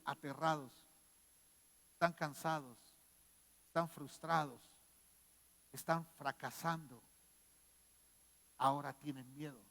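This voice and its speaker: A man preaching a sermon as a pastor. He moves between quiet scripture reading and loud shouted exhortation. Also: a little high, in a large hall.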